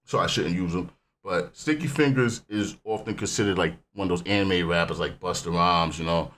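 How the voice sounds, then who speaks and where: A man hosts a casual music reaction video with a rambling, animated delivery. His voice sits on the low side, and a faint hiss runs under it. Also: normal speed.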